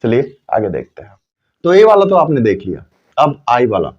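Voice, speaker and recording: A man teaching English pronunciation rules in a lesson, repeating key words slowly and asking and answering his own questions. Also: mid-range voice, huge pitch swings, darkish tone, lo-fi sound. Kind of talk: Hindi lesson explaining English spelling rules.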